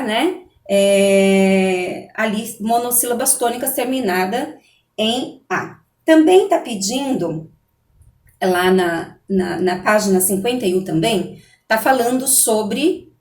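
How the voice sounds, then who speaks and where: A woman teacher giving a recorded online lesson to young students, patient and explaining step by step, checking in often with the class. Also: fairly high pitch. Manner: patient, repeats "né?" and "tá certo?" often. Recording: echoey room.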